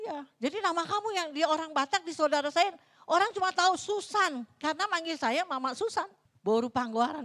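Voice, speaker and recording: A middle-aged woman pastor preaches in a church, her voice sitting a little high. She tells stories with dramatic swings, dropping to near-whispers and then rising to loud, ringing peaks. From North Sumatra. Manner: dramatic swings between hushed and loud, storytelling. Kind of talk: sermon.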